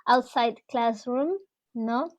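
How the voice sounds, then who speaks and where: A woman from Peru interviewing two musicians, asking her questions with hesitant pauses. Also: a little high, a little mellow. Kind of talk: casual interview talk.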